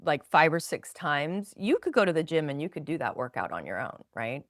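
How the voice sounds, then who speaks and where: A woman guest on a podcast, speaking gently and reflectively in long flowing thoughts. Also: low voice, sing-song, fairly quick, no echo, clean studio sound. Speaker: guest, spinal energetics practitioner. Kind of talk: conversational podcast interview.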